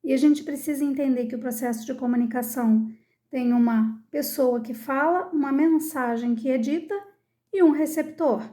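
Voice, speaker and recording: A woman's voice: high-pitched, normal speed, mellow. A woman teaching English in a video lesson, explaining step by step and checking in with her viewers.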